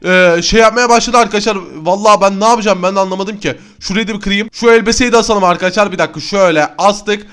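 Gaming YouTuber, male, high voice, excitable running commentary to viewers. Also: fast talker, few pauses, clear, resonant tone. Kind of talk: Minecraft gameplay commentary.

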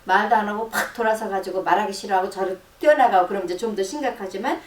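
A middle-aged woman psychologist explaining advice in a radio-style talk, acting out sample lines of dialogue in a softer, lower voice. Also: quick pace. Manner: explanatory, acts out sample dialogue in a soft low voice. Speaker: counseling psychologist giving advice. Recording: roomy, distant, faint noise.

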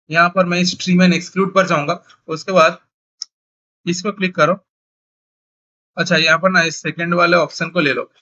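A young man from India walks through a software tutorial in a loose, thinking-aloud way, often stopping to correct himself. His voice is fairly high and bright. The recording is dull and lo-fi. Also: no echo. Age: young adult. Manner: thinks aloud, self-correcting, casual instructions. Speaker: CAD tutorial instructor.

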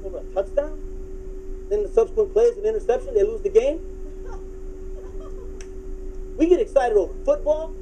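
A middle-aged man preaching a sermon in a conversational but hyped, restless, over-caffeinated way, with a husky voice and phrases repeated for emphasis. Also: very high voice, expressive, moderate pace, long pauses, warm tone, slight background noise, low-quality recording. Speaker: pastor preaching. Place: church auditorium, speaking from the stage to a congregation.

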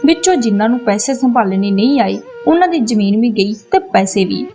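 Pious shopkeeper man giving earnest advice, storybook read, woman voicing him, highish voice. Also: a little mellow. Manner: moralizing, earnest. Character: wise, pious grown male shopkeeper. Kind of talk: storybook narration.

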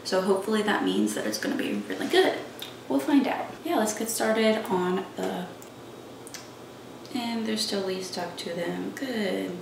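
A woman's voice: medium pitch, big pitch swings, measured pace, vocal fry. A young woman chatting casually in her home kitchen while cooking, rambling with lots of "like". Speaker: vlogger. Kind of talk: casual cooking vlog chat. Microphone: camera across the kitchen. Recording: roomy, distant kitchen audio with noise.

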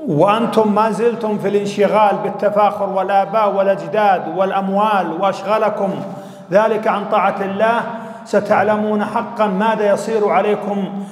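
High-voiced man teaching in an echoey hall. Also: fairly even intonation. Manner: measured, explanatory, with self-restarts and repeated phrases. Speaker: Islamic teacher. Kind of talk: Quran commentary lesson.

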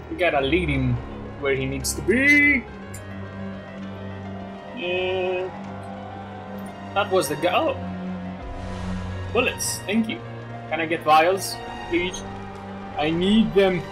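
Male gaming host, thirties: unhurried, swooping pitch, playful casual asides, game music underneath. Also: lively intonation. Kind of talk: casual let's play commentary. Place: small room indoors.

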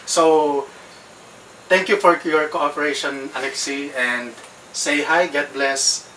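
A Filipino-accented man in his twenties hosts a challenge vlog casually, moving through ship cabins and corridors. His voice is fairly high and sharp, slow and fairly even in intonation. The camera mic sits a few feet away, so the audio is distant and echoey with background noise.

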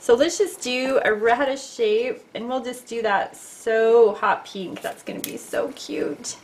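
A middle-aged woman talks through a loose sketch as she draws, chatty and playful with her viewers. Her voice sits a touch high. A faint hiss sits under the recording. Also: measured pace. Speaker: art teacher. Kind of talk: casual drawing tutorial. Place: at a drawing desk indoors.

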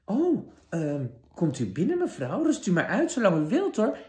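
A man's voice: sits high, wildly swooping pitch, normal speed, voice pushed up. Sneeuwwitje, a man doing a polite young girl. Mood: hospitable. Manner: polite, gently raised. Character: polite young princess, kind and gentle. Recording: roomy echo.

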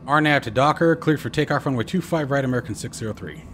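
A man's voice: mid-range voice, quick pace. A man playing an airline pilot in a flight sim, making clipped, procedural radio calls and readbacks to air traffic control over a cockpit headset.

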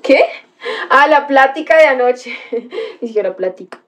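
A woman's voice: high voice, lively intonation, measured pace. A young woman chatting on a livestream, telling a story with gasps and exclamations and greeting viewers by name. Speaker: livestream host reading chat. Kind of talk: casual livestream chat.

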